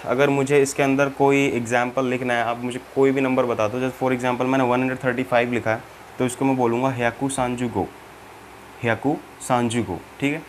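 A man's voice: medium pitch, a little hiss or hum. A man teaching a Japanese language lesson, patient, repeating each step and checking that the learner follows. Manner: mixes in English terms, spells out each example.

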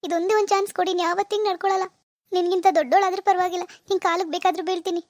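A woman's voice: extremely high pitch, level tone, rapid-fire, darkish tone, no room sound, clean studio sound. A woman playing a remorseful middle-aged mother-in-law who earnestly begs her daughter-in-law's forgiveness in a homemade family drama skit. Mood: pleading. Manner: earnest, pleading, apologetic.

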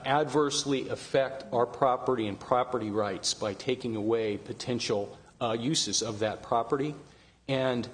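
A middle-aged man giving earnest public testimony at a county meeting, halting with fillers and restarts, speaking into a desk microphone. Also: medium pitch, slight background noise.

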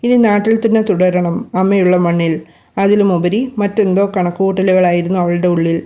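A woman reading a romance story aloud in a gentle, steady narration. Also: lowish voice, a little fast.

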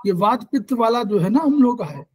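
A man's voice: very high-pitched, lively intonation, a little fast, husky, poor audio. A man hosting an online class, introducing guests in formal, ceremonious phrasing. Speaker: class organizer and host.

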